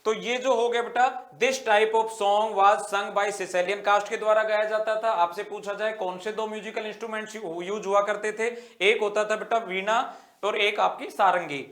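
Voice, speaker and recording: A male teacher giving an exam-prep literature lesson, dictating English phrases slowly and repeating them, then explaining and quizzing students warmly as "beta". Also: sits high, fairly even intonation. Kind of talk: online exam-prep lecture. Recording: roomy echo.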